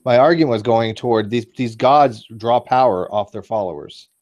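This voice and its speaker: A man's voice: mid-range voice, normal speed, a little mellow, dry recording, dull audio. A man in a casual online debate chat who rambles, corrects himself and jokes as he makes his points. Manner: rambling, joking, self-correcting. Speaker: debate participant.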